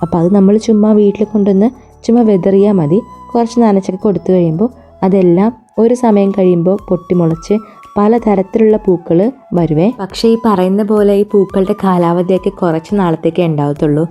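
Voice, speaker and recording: A woman's voice: medium pitch, fairly quick, dark tone. A woman with a Malayali accent narrating a casual travel vlog, dropping English words into her Malayalam. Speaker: travel vlogger. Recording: music under the voice. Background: music.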